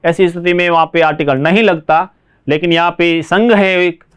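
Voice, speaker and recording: Higher-pitched Indian man teaching English. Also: steady tone, clear, resonant tone. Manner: explains slowly, checks understanding with frequent rhetorical questions. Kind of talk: classroom lesson.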